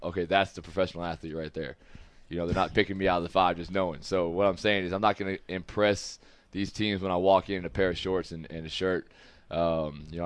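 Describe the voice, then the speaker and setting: This American man in his twenties, a football player, is a guest in a casual studio interview with several people present. His voice sits low with no room sound, and he's candid, easygoing, and prone to rambling.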